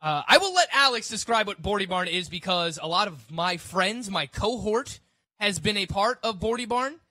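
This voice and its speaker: Bright-voiced playful young man. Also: high-pitched, expressive, normal speed, no echo. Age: 20s. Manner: playful, self-mocking, laughs often. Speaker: co-host. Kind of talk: casual podcast chat.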